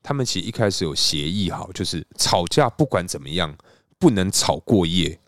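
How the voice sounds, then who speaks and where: A low-voiced man co-hosts a relaxed podcast chat. He acts out the rants he quotes with some heat. The recording is dry and close. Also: brisk, no room sound. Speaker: podcast co-host. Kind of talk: casual chat.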